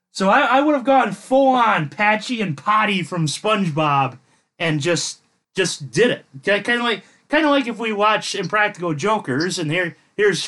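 A man with a high voice hosts a casual podcast, talking in a jokey, rambling way and wandering into tangents. His tone is bright and lively. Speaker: podcast host. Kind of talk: casual chat.

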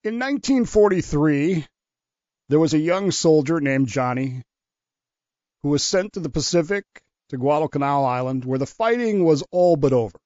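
A man's voice: fairly high pitch, animated, normal speed, darkish tone, dry recording. Male radio guest who explains history and tells stories. Muffled, dry studio audio. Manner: storytelling, explanatory. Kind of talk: talk radio history segment.

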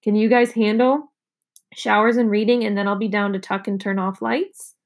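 A woman's voice: mid-range voice, level tone, normal speed, lightly acted. A worried mother calling out sharply, as a woman reading a storybook puts her on. She sounds tired underneath. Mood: weary. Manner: sharp calls, weary.

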